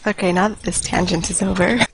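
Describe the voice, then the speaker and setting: Woman on a casual podcast, gravelly fry in her voice, wry teasing delivery. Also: on the low side, fairly even intonation, fast.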